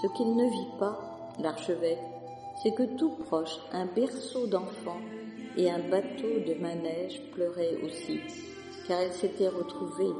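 A storyteller reading a Christmas tale aloud in a gentle, measured way. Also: mid-range voice, roomy sound, long reverb tail, music in the background. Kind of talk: scripted narration of a Christmas tale.

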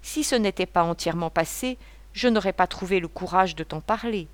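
A woman's voice: fairly low pitch, fairly quick, no room sound, natural voice. A woman reading the part of a fragile, loving young wife in an audiobook, with a tearful, pleading manner. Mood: tearful, tender.

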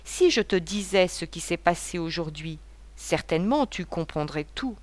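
A woman's voice: fairly low pitch, lively intonation, normal speed, lightly acted. A grave young husband, as a woman reads him. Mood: grave, earnest. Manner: grave, earnest pleading. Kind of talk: audiobook character reading.

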